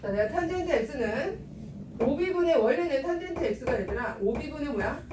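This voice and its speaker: High-voiced woman teaching math. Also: animated, normal speed. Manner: coaxing, asks students questions constantly. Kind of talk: classroom teaching. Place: classroom. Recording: echoey room, picked up from a distance with background noise.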